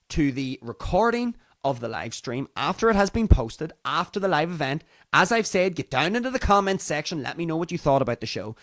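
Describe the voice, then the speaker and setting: Animated, high-pitched Northern Irish man. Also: no room sound, clean studio sound. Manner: theatrical, emphatic repetition for effect. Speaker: livestream talk show host. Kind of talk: casual monologue to live stream audience.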